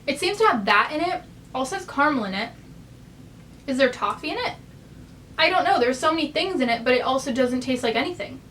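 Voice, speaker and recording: A woman's voice: sits high, expressive, a little fast, pauses often, a bit bright, recorded from a distance, slight background noise. A young American woman vlogging casually from her bed, rambling chattily with lots of fillers. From United States. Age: young adult. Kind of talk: casual chat. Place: in bed, bedroom.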